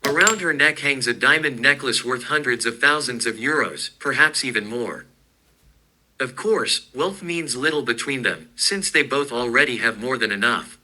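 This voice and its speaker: Bright-toned male story narrator. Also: medium pitch, animated, normal speed, rough recording. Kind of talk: scripted narration.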